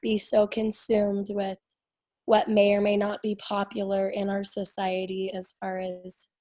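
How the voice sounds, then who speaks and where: A woman on a video call who has nearly lost her voice, speaking warm praise. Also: medium pitch, completely flat delivery, unhurried. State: losing her voice. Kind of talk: casual talk on a call.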